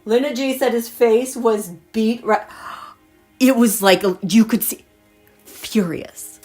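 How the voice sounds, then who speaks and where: A woman's voice: fairly high pitch, takes it slowly, a little mellow, faint music behind. A woman reading tarot cards in a casual livestream, chatty and meandering as she thinks aloud. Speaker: tarot reader.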